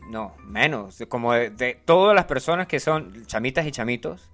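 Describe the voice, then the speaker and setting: A man talks casually on a radio show, explaining slang in a teacherly way. His voice sits in an ordinary middle pitch, and he jumps up when quoting phrases. Soft music plays faintly behind him. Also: moderate pace. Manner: animated, teacherly, quotes phrases in a higher voice. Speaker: radio co-host.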